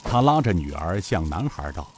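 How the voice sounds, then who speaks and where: A man narrating a serialized novel as an expressive, measured storyteller. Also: deep voice, slight background noise.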